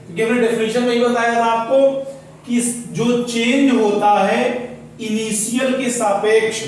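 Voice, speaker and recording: High-voiced man teaching physics in an echoey room. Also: slight background noise. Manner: explains step by step, asks and answers his own questions. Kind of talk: classroom lecture. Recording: roomy echo, voice from far off.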